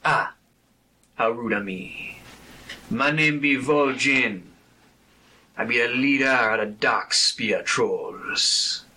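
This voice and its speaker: A man's voice: fairly low pitch, little pitch movement, normal speed, few pauses, bright, forceful tone, husky. A man voicing a proud, sly male troll chieftain in a tabletop fantasy game, speaking a patois-like dialect with dropped verb forms. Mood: courteous.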